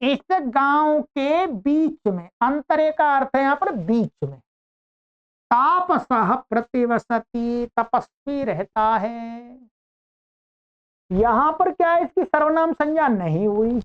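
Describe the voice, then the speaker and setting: Slow, high-voiced woman teaching grammar. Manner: slow, explanatory, repeats points with "ठीक है". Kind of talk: online grammar lecture. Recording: dull lo-fi audio.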